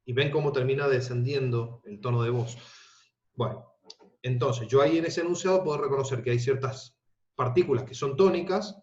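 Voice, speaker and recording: A man's voice: mid-range voice, darkish tone. A male teacher giving a recorded grammar lesson. He explains patiently, rephrases often and checks in with his students. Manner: halting restarts and fillers. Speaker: language and literature teacher. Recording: echoey room, dull lo-fi sound.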